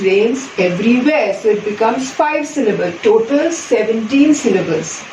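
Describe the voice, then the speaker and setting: A woman gives an English lesson at a slow, deliberate pace, her voice a little high. She repeats and counts out each example patiently. The sound is roomy and distant, as if the mic sits far away. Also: darkish tone, slight background noise. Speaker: English teacher. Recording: echoey room from far off.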